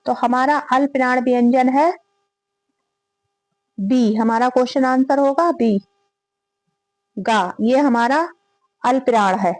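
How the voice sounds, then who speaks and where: A Hindi grammar teacher with a high, bright voice works through exam-prep quiz questions slowly, leaving long pauses. She reads each question, repeats the options aloud, then names the answer, and the sound is dry and close with almost no room echo.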